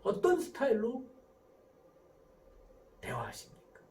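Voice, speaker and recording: Man lecturing parents, high voice, swoops up and down a lot, mic kinda far off. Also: slow. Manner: animated, acts out example dialogues. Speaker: professor giving a parenting lecture. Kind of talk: lively lecture.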